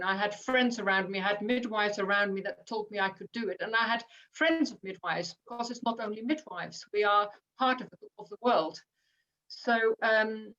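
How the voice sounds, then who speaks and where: A woman's voice: mid-range voice, a bit bright. Earnest woman on a distant call. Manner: earnest, with frequent restarts. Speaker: panelist, midwife leader. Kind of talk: panel discussion answer. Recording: distant, dull video call audio.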